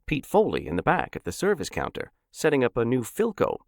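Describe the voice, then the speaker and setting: A man narrating a story in an expressive, dramatic audiobook style into a close mic. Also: medium pitch, a little fast, vocal fry, no echo. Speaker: narrator and host.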